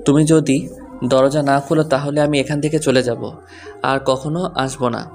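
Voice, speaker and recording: Teasing young husband, calm and stubborn, voiced by a man; mid-range voice. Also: mid-range voice, normal speed, creaky, soft background music, lightly acted. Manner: dry, teasing, level delivery. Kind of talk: Bengali audio story acting.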